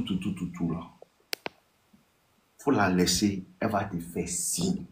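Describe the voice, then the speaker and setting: A man with an Ivorian French accent giving casual dating advice on a live stream. He talks straight to his listeners, repeats his points and acts out text exchanges in a higher voice. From Ivory Coast. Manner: repetitive, addresses listeners directly.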